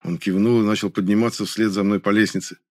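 A man reading a first-person story as an audiobook narrator, in an even, dry manner. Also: fairly low pitch, fast.

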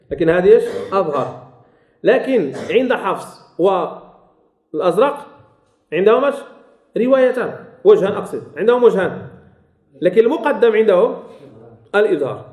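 High-voiced Moroccan teacher in an echoey room. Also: male voice, darkish tone. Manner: repeats key phrases and quizzes listeners. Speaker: Quran recitation teacher. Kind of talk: classroom lesson on recitation rules.

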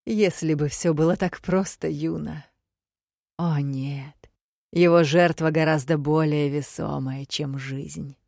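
A woman's voice: low voice, fairly even intonation, slow, gravelly, darkish tone, no echo, heavily acted. A woman voicing a sly, sadistic male demiurge who taunts caustically in an audiobook, in a dry recording. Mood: mocking.

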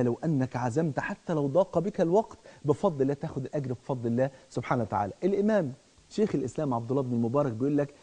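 A middle-aged male preacher with an Egyptian Arabic accent delivers a religious lecture at a very fast clip. His voice is mellow and sits a little high, and he drives his points home by repeating words. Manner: rapid, emphatic, repeats words for stress.

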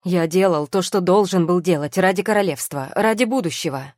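A woman's voice: low-pitched, moderate pace, dark tone, no echo, clean studio sound. A woman reading an audiobook voices a scheming husband, drawling and ingratiating. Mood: angry. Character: scheming husband, smooth and cold.

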